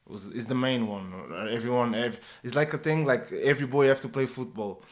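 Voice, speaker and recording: A man in his twenties from Portugal with a Portuguese accent, talking at length in an animated, casual way in English as an interview guest, often adding "you know". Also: medium pitch, brisk. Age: 20s. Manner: animated, talkative non-native English with repeated "you know". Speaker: guest, personal trainer and former sprinter. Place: indoors, interview in England.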